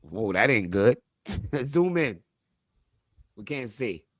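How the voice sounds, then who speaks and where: A man's voice: mid-range voice, big pitch swings, slow pace, dry recording, clean studio sound. A man hosting a casual sports debate, talking bluntly with plenty of slang and swearing. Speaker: show host.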